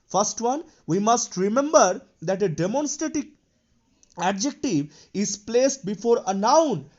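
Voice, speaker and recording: A man's voice: high voice, expressive, a little slow. A man teaching a grammar lesson, explaining step by step and answering his own questions with frequent "you know" fillers. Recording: dull lo-fi recording.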